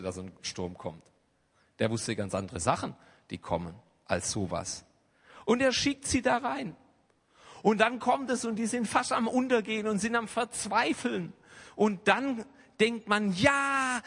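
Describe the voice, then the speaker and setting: A man delivers a sermon in a fairly high voice, with a long reverb trailing off the walls of a church hall. He shifts from quiet, close asides to loud, emphatic bursts. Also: slightly rough. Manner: swings between hushed asides and loud emphatic outbursts. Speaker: preacher.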